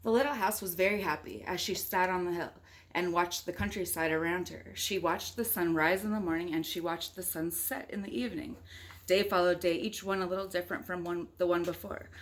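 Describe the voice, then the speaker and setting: A fairly quick, steady-toned woman with a low-ish voice, captured on a low-quality recording. She's a mother reading a picture book aloud to young children and viewers, keeping it casual and chatty with little asides and questions, the way you'd talk to small kids.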